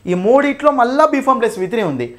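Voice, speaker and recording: A young man with a Telugu accent teaching an English grammar revision class. He explains each answer option in detail, keeps checking "okay?" and "right?", calls his students "nanna", and reads the English example sentences slowly. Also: extremely high pitch, sing-song. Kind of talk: exam revision lesson.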